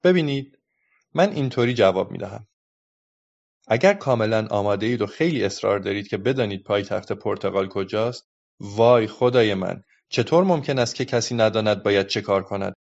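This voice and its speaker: A man voicing a cheeky, quick-witted little girl who talks playfully, in a dull lo-fi recording. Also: fairly low pitch, vocal fry, darkish tone.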